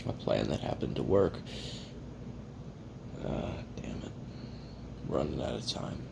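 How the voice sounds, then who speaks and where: A man voices a jaded, hard-drinking male assassin recording his memoirs for an audio roleplay, in a confessional monologue. His low, gravelly voice with vocal fry rambles slowly and wryly, cursing and running himself down in an exaggerated delivery with lively intonation and a wry, bitter mood. Noticeable hiss and rumble lie beneath the recording.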